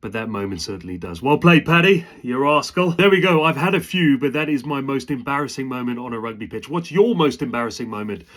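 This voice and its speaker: A man hosting a rugby channel and telling a self-mocking story to camera, with animated delivery and sudden loud whoops. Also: mid-range voice, fast, hardly any pauses.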